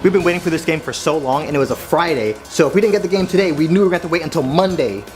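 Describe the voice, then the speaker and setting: A man telling comedic stories in an animated, exaggerated way, speaking straight to the viewers. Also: fairly high pitch, very fast, music in the background. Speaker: comedian storyteller. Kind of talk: comedic storytelling monologue.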